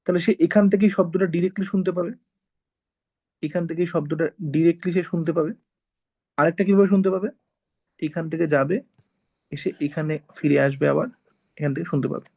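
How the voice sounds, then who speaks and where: Gravelly, slightly high male teacher. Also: fairly quick, pauses often, a little mellow, dull audio. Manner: explains step by step, often checks with "ঠিক আছে?". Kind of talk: informal classroom lecture.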